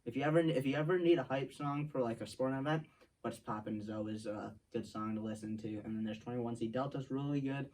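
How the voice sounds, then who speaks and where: A man's voice: medium pitch, quick pace, a little mellow, far from the mic. A young man co-hosting a student podcast, talking in a casual, teasing way with many fillers. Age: young adult. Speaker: co-host. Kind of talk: casual chat.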